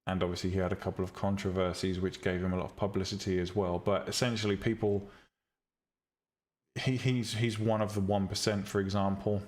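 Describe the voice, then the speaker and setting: Low and fairly quick, the man's calm, relaxing voice carries a casual, blunt live-stream chat with viewers about making 3D tutorials. He teaches 3D rendering and visual novel making, and his speech has lots of ums and restarts.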